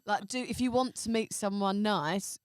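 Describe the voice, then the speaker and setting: A woman's voice: mid-range voice, normal speed, no echo, clean studio sound. Sassy wisecracking woman. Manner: sassy, wisecracking, interjects with jokes. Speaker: podcast co-host. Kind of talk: casual chat.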